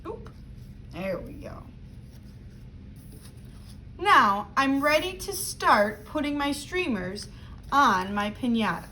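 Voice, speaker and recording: High-pitched woman teacher instructing young children. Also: animated, slow pace, pauses often, bright, forceful tone, low-quality recording. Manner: simple, instructive, addressing children directly. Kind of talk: step-by-step craft instruction for children. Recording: clear background noise.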